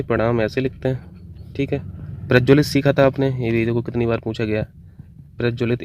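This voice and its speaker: A man teaching an exam-prep Hindi spelling lesson, going briskly from word to word and correcting each one. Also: mid-range voice, darkish tone. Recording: dull, dry lo-fi recording.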